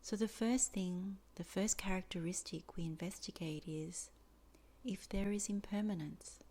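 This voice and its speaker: Leading a guided meditation, a woman speaks softly and deliberately at medium pitch with a steady tone. Many pauses separate her phrases, which trail off in a breathy fall.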